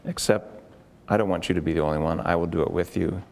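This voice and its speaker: A man working as a therapist in a live demonstration before a group, coaching a client with quick probing questions and repeated words. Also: low voice, vocal fry, a little mellow. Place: room with an onlooking group.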